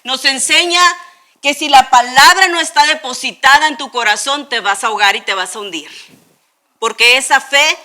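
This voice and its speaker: Bright-voiced Mexican woman preacher. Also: high-pitched, normal speed. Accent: northern Mexican. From Tijuana, Mexico. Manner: animated, playful storytelling with rhetorical questions. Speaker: children's church teacher. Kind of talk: lively Bible lesson sermon.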